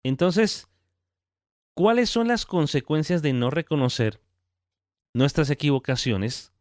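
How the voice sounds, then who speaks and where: A man hosting a podcast who tells a Bible parable in a lively, conversational devotional talk. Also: on the high side, slow pace, no room sound, clean studio sound. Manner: conversational, animated storytelling with tag questions. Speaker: podcast host.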